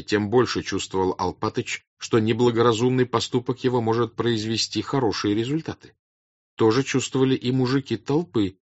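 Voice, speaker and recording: Low-voiced man narrating an audiobook. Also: no echo. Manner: measured, expressive reading. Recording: dull lo-fi dry audiobook recording.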